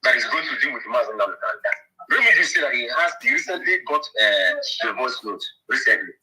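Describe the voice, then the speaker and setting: A man's voice: mid-range voice, expressive, brisk, bright, forceful tone, husky, poor audio. A man calling in to a talk show, heard through a phone on speaker, hesitant and full of fillers, often repeating himself. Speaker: caller. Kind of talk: call-in chat.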